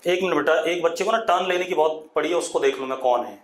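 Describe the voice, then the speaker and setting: A man with an Indian accent teaching physics in an online class, strict and scolding, dictating terms slowly. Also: fairly high pitch, roomy sound. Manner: strict, scolding, addresses students as 'beta'; slow dictation of terms, drawn out.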